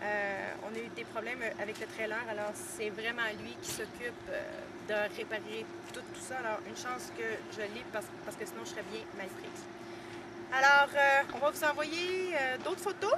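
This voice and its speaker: High-voiced Québécois woman, noisy outdoor recording. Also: steady tone. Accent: Québécois French. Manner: chatty and hesitant, with frequent pauses and light laughs. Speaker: student giving a video tour. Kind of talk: casual video diary tour. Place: outdoors at a horse training center. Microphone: camera mic, filmed by someone behind the camera. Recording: loud outdoor background noise.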